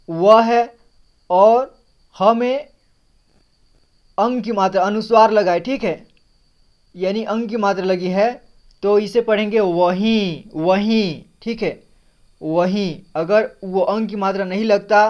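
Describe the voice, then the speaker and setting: A man's voice: high voice, darkish tone. A man teaching a reading lesson, sounding out words letter by letter and repeating them. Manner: breaks words into letters and vowel signs, repeats often. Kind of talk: slow word-by-word reading lesson. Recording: slightly dull lo-fi sound.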